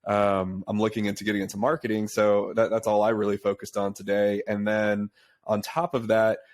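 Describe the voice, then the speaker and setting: Young man, podcast host, relaxed chatty talk, low voice, flat delivery. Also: normal speed. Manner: relaxed, chatty, says "dude" and "uh" often. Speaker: podcast host, pharma sales rep. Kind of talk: casual podcast conversation. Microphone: remote call.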